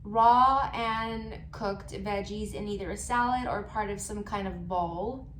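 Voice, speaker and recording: A woman's voice: medium pitch, slow, a bit bright, a little hiss or hum. A woman vlogging casually at home, answering viewer questions in a chatty, playful way with loose tangents and asides. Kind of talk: casual chat.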